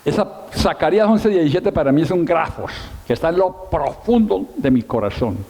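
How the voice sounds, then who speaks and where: A man's voice: a little high, lively intonation, moderate pace, dark tone, slight background noise. A middle-aged man, a pastor preaching a sermon, telling his story with emphasis and self-mocking humor. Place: church hall with long reverb. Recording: long hall reverb.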